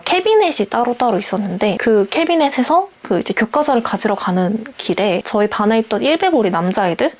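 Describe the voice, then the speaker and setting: A young adult woman speaks in a voice set a little higher than most. She tells a personal story candidly and reflectively. Her speech is loose and conversational, with frequent filler words. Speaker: vlogger.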